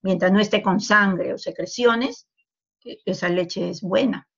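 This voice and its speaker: A woman giving a university medical lecture, explaining calmly and tagging her sentences with a questioning "no". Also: mid-range voice, unhurried, vocal fry, breathy edge, lo-fi sound. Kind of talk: university lecture over a call.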